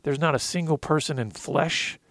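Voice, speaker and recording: A man's voice: fairly high pitch, moderate pace, a bit bright, no echo. A man in his thirties co-hosting a faith-based talk, earnestly telling his recovery story and quoting scripture with emotion. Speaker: podcast co-host sharing recovery testimony.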